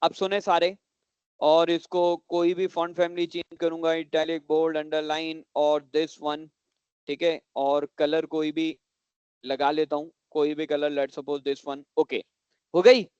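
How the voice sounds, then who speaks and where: A man teaching a computer class to children, often stopping to check that the class understands and repeating points slowly. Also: fairly high pitch, little pitch movement, darkish tone, clear, resonant tone, no echo, dull audio.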